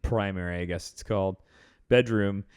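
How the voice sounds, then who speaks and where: A man's voice: low-pitched, fairly even intonation, moderate pace, smooth. A man co-hosting a casual podcast, laid-back and swearing casually. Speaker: podcast co-host. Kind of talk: casual chat.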